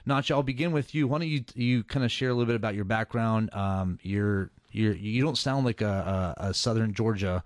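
Male radio host, low voice, filler-heavy, dry studio sound. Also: a little fast, hardly any pauses, no echo. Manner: filler-heavy, loose delivery. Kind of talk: radio pledge drive talk.

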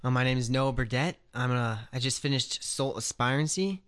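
A man's voice: medium pitch, moderate pace, a bit bright, clean tone, dry recording, studio quality. A young man from the Philadelphia area, a guest introducing himself in an easygoing way. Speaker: interview guest.

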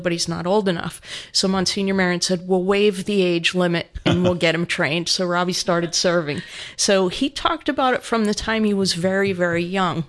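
Earnest middle-aged woman guest. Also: lowish voice. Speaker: studio guest. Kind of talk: personal storytelling. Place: radio studio.

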